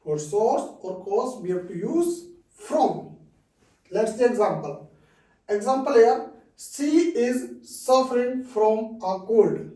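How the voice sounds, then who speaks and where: A man with an Indian English accent teaches at an unhurried, deliberate pace. His voice is soft and mellow, and he repeats his examples and keeps saying "okay". He sounds set back from the microphone in an echoey room. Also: very high-pitched, expressive. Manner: repeats phrases, frequent "okay" checks. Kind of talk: slow explanatory lesson. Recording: roomy echo, distant mic.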